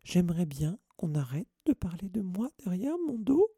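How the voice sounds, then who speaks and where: A man voicing the touchy ghost of a teenage girl in an audiobook, wailing in a high, sobbing lament. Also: sing-song, normal speed, creaky, dark tone, husky, no echo, clean studio sound, exaggerated voice. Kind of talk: audiobook character voice.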